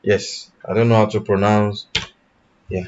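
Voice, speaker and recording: Male online instructor with a lowish voice, halting and self-correcting, on a muffled lo-fi stream. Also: flat delivery, darkish tone, a little hiss or hum. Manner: halting, self-correcting, asks "you understand?". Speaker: tech instructor. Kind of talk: live online class.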